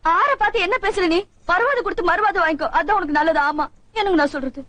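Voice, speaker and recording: An actress playing a pleading, protective village wife. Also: female voice, very high voice, lively intonation, fast, sharp tone, no room sound, heavily acted. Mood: indignant. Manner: pleading, indignant. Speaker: arrested man's wife. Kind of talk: film comedy acting.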